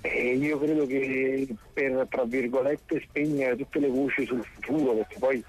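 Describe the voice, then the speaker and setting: A man's voice: medium pitch, steady tone, unhurried, soft background music. A man reporting sports news over a phone line with spotty reception, hesitant and repeating words as he reasons. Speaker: sports correspondent.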